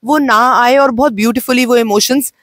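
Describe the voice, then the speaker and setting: A woman life coach gives a gentle, slow self-help talk, mixing Hindi and English. She is unwell and says her voice sounds off. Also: fairly high pitch, steady tone, no echo. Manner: mixes Hindi and English, speaks slowly and gently. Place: outdoors on location.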